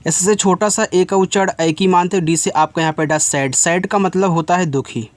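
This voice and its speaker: A man's voice: high voice, moderate pace. A man teaching a spoken lesson. He spells out words letter by letter, then asks his students the answer and gives it himself, in an informal way. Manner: informal, addresses students directly. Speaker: English teacher.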